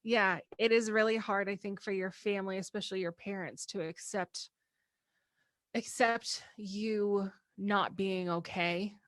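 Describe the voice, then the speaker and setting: A woman's voice: mid-range voice, steady tone, a little slow, fairly bright tone, no room sound, clean studio sound. A woman in her thirties hosting a podcast, talking candidly in casual chat and laughing often. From American Midwest. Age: 30s. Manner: candid and talkative, with frequent laughs. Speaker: podcast host.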